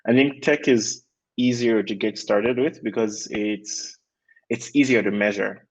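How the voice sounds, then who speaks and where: A man's voice: on the low side, unhurried, husky, muffled recording. A young man from Malawi, a tech guest speaking casually in an interview with lots of fillers. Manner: relaxed, many fillers like "like" and "um".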